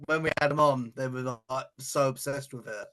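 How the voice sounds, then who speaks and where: Co-host chiming in briefly. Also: male voice, mid-range voice, steady tone, moderate pace, a bit bright. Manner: short chiming-in remarks. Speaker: podcast co-host. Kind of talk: casual podcast chat.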